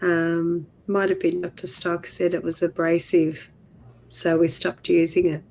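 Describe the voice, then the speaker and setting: A woman co-hosting a casual livestream chat, hoarse from a cold with her voice nearly gone, speaking in an easygoing way. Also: fairly low pitch, little pitch movement, a little slow, a little mellow, a little hiss or hum, poor audio. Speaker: livestream co-host.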